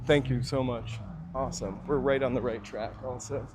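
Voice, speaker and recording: A man's voice: medium pitch, steady tone, moderate pace, darkish tone. A man livestreaming a city walk outdoors, chatting casually to his viewers in rambling asides and a little out of breath. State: slightly out of breath from walking. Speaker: walking tour livestreamer. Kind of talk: casual live walking vlog. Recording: faint street noise behind.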